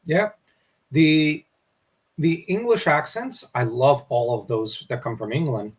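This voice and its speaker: Man, higher-pitched, rambling casual history talk, frequent restarts. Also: big pitch swings, unhurried, slightly rough. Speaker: podcast co-host.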